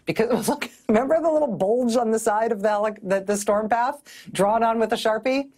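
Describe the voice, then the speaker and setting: A woman's voice: on the high side, fairly quick, darkish tone. A middle-aged woman hosting a televised news commentary, speaking in a wry, sardonic way on a studio mic. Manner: wry, sardonic, often laughing mid-sentence.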